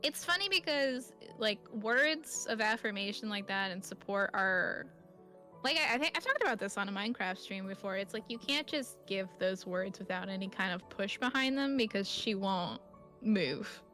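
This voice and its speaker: A woman's voice: medium pitch, lively intonation, normal speed, pushed and bright, faint music behind. A woman guest on a stream, chatting casually with friends, teasing and acting out quotes. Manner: teasing, acts out quotes in a sing-song voice.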